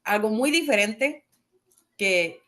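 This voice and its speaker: A woman's voice: mid-range voice, lively intonation, slow pace, a bit bright. A woman, a church member, sharing a personal testimony earnestly and searching for words.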